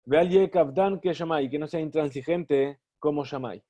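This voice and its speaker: A man teaching a class, reading phrases of a text slowly and translating each one. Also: on the high side, dark tone. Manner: reads Hebrew phrases slowly, then translates. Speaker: Talmud teacher. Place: study hall. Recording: dull lo-fi recording.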